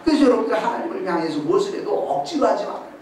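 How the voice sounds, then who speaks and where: A man's voice: sits high, big pitch swings, racing, darkish tone. A middle-aged man preaching a sermon, telling a story and firing questions at the congregation. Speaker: pastor. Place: church sanctuary. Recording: echoey hall, distant mic, faint hiss.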